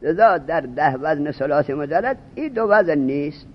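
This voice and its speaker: A man's voice: on the high side, animated. A man teaching a class in a lecture style. He keeps asking his students questions and repeats the key terms. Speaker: teacher of Arabic morphology. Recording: dull, husky lo-fi recording.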